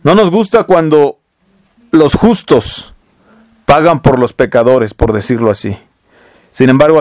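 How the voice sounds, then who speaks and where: Guy preaching, reads the verses then goes over them, kinda high voice, dry close sound. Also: a little mellow, dry recording. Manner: reads verses then explains with rhetorical questions. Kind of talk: sermon reading scripture.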